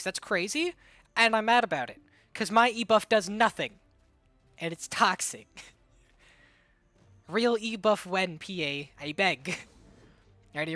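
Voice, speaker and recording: A woman with a bright, edgy tone calls a game match live on stream, hyped and quick to react. Her throat is sore, but she keeps the energy up through the play-by-play. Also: mid-range voice, no echo.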